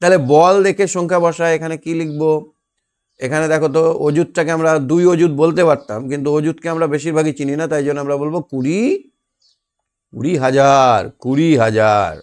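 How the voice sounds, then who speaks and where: A man's voice: on the high side, flat delivery, quick pace, a little mellow, clear, resonant tone. Patient male math teacher. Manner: patient, asks and answers his own questions. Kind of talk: online math lesson. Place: online class on a video call.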